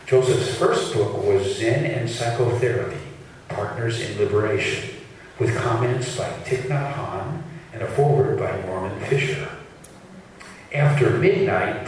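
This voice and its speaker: A man's voice: mid-range voice, a little mellow, heavy reverb, distant mic, slight background noise, rough recording. Man on a speakerphone-like mic. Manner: halting, corrects himself. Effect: sounds like a speakerphone. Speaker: event host. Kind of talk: reading an introduction. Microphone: room mic addressing an audience.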